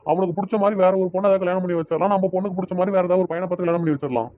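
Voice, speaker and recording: A man voicing a fast-arguing cartoon father. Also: high-pitched, dark tone, dull audio, close to an everyday voice. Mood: heated. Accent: Tirunelveli Tamil. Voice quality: scolding, argumentative. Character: stubborn middle-aged father defending his daughter. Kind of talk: cartoon voice acting.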